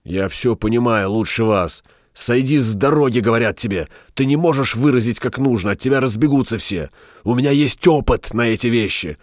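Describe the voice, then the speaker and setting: A man's voice: on the low side, normal speed, few pauses, no echo, clean studio sound, natural voice. A man reading a storybook voices an agitated, boastful shopkeeper in prison, talking in heated, hissing bursts. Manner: heated, hissing, rising to cries.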